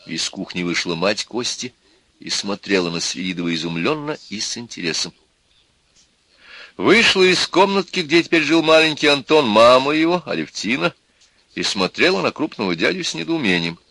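A man reading an audiobook with an expressive, vivid narration. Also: medium pitch, moderate pace, no room sound. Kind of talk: scripted narration.

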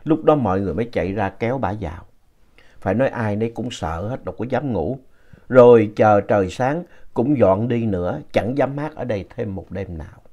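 A man narrating a ghost story in a slow, retelling manner. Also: fairly low pitch, expressive, warm tone, muffled recording.

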